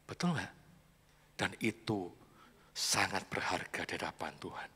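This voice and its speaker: Chatty pastor in an echoey hall. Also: male voice, deep voice, unhurried, husky. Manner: chatty, confiding, laughs often, switches to hushed asides. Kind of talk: sermon. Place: church hall.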